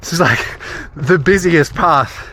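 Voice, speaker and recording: A man's voice: on the high side, measured pace, bright, forceful tone. An Australian man chatting casually in a running vlog, recorded outdoors. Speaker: running vlogger. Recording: clear outdoor background noise.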